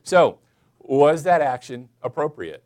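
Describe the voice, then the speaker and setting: A man preaching a casual, chatty sermon in church, asking the congregation questions and filling pauses with "um" and "uh". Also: fairly high pitch, sing-song, a little mellow. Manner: folksy, chatty, many fillers, addresses listeners as y'all. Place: church sanctuary.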